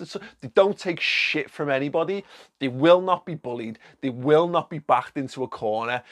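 Sarcastic man ranting to camera. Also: medium pitch. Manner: sarcastic, swearing, laughing asides; rambling with many restarts. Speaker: online video host. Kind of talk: casual spoken commentary.

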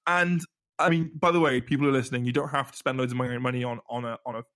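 A man hosting a casual podcast chat, excitable and stammering over his words. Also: mid-range voice, very fast.

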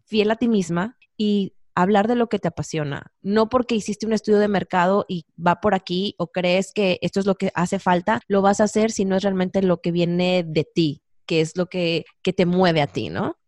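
A woman's voice: mid-range voice, steady tone, normal speed, few pauses, a little mellow, no echo. Mexican lady host, reflective chatty tone, dry close sound. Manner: reflective, thinks aloud. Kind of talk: casual interview chat.

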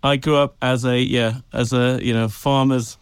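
This Welsh man is a PR agency director appearing as a guest in a casual interview, recorded in an office with a dry, clean studio sound. His medium-pitched voice moves little in pitch, at a moderate pace and with a clean tone. He's chatty, laughs often, and tells stories.

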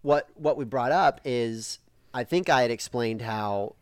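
Man, 30s, casual podcast co-host, lively storyteller, dry close sound. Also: medium pitch, unhurried, clear, resonant tone, no room sound. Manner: animated storyteller, acts out a toddler's shouting. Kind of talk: casual chat.

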